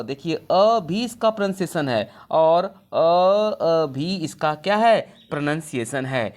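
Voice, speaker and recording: A woman teaching an English lesson in a classroom style, asking questions and answering them herself, and drawing out example words slowly. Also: lowish voice. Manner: slow, drawn-out words when spelling out examples.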